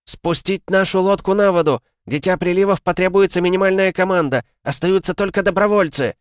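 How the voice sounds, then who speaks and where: A man voicing a fierce woman ship captain who shouts commands to her crew. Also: high-pitched, brisk, no echo, studio quality, pitched above the performer's own voice, close to an everyday voice. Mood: commanding.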